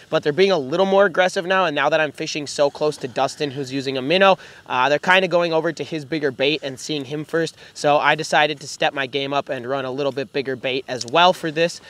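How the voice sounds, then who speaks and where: Young man excitedly talking ice fishing outdoors. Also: fairly high pitch. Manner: excited, chatty, explains his tackle. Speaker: fishing vlogger. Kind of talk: casual outdoor commentary. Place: outdoors on a frozen lake. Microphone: camera mic on the ice.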